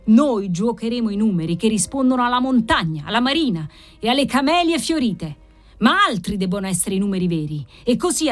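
A woman's voice: medium pitch, natural voice. A woman reading aloud voices a furious marquis who speaks with cold, ironic menace.

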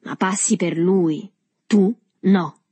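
Brief: cold, firm female doorkeeper, read by a woman, husky, audiobook. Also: on the low side, slow, dark tone, no room sound. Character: stern woman guarding a villa door, cold and hostile. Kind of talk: audiobook reading.

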